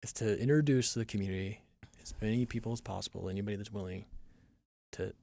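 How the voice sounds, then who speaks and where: A man's voice: lowish voice, fast, creaky, warm tone. A middle-aged man hosting a podcast interview, talking in an earnest, reflective way and often checking for agreement. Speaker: mayor and podcast host. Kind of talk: casual interview conversation. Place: podcast studio.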